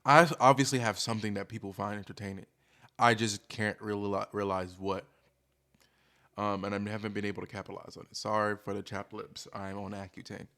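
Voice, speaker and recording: Male streamer, lower-pitched voice. Candid, casual confessional delivery that rambles and hesitates, putting himself down as he goes. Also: little pitch movement, a little fast, pushed and bright. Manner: self-deprecating; rambling, hesitant, thinking aloud.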